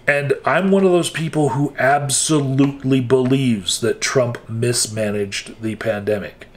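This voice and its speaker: A man giving a frank, wry, casual spoken recap with hesitant restarts, as a political commentator. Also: mid-range voice.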